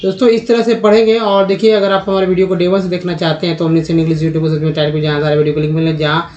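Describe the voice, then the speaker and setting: Man, English teacher, slow lesson, reads word lists aloud, slightly high voice, dull lo-fi sound. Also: flat delivery, darkish tone. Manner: addresses viewers as friends. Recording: dull lo-fi recording.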